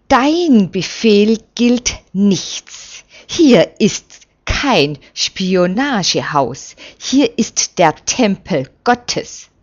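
A woman's voice: mid-range voice, very animated, drawn-out words, hardly any pauses, heavily acted. A woman voicing a defiant male temple priest who talks in a brusque, blustering way, on a dull lo-fi recording.

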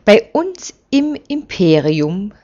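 A woman reading aloud and voicing an old male envoy who speaks in a firm, measured, reproving way, on a dull lo-fi recording. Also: mid-range voice, big pitch swings, dark tone. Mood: commanding.

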